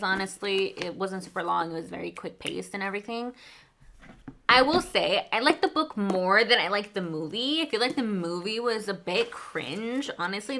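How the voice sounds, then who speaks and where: A young Mexican woman whose first language is Spanish reviews a book for her vlog in a chatty, casual way, rambling with lots of fillers and asides. Her voice is bright and mid-pitched, with a little hiss or hum in the background.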